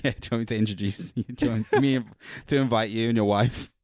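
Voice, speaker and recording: A man's voice: mid-range voice, fairly even intonation, quick pace, darkish tone, no room sound, clean studio sound. A man co-hosting a podcast, chatting casually and rambling a bit, swearing freely, in a hot indoor room. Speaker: podcast co-host. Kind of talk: casual chat.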